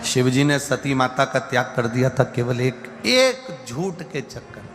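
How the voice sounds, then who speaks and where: A man preaching a devotional sermon from central India, slow and repetitive, building his points through lists. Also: mid-range voice, expressive, fairly bright tone. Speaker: religious storyteller. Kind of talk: devotional sermon with sung verses. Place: large live gathering hall. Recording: long hall reverb with faint music.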